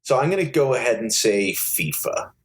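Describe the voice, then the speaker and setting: A man's voice: medium pitch, sing-song, moderate pace. Chatty man in his thirties. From England. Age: 30s. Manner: chatty, hesitant. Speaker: podcast guest. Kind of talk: casual chat.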